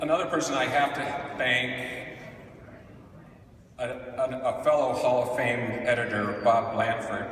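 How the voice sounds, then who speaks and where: A middle-aged man giving an acceptance speech at a podium, speaking haltingly with frequent pauses. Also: fairly low pitch. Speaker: award recipient, veteran film editor. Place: large indoor hall at an awards event. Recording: very echoey hall, distant mic, faint noise.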